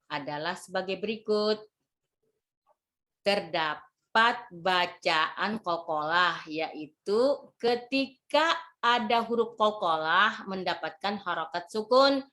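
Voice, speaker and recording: A woman speaks at a middling pitch as she teaches a class. She instructs in a motherly way, often repeating her words and phrases. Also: lively intonation, slow pace, pushed and bright. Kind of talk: classroom lesson on Quran reading.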